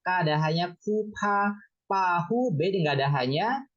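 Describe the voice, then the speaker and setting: A woman's voice: fairly low pitch, animated, a little slow. A woman teaching a beginner Mandarin class online over a video call, encouraging students and calling on them by name. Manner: encouraging, calls on students by name, repeats syllables. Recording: slightly dull lo-fi sound.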